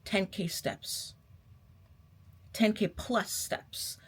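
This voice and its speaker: A woman's voice: medium pitch, steady tone, extremely slow, slightly rough. A young adult woman vlogger giving a casual motivational pep talk to camera, sassy and emphatic, repeating herself and calling her viewers babe.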